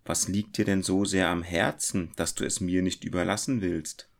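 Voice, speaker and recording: A man's voice: low-pitched, steady tone, moderate pace, gravelly. A man voicing a gracious noble countess who speaks kindly, reading a storybook aloud. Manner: friendly, kindly questioning.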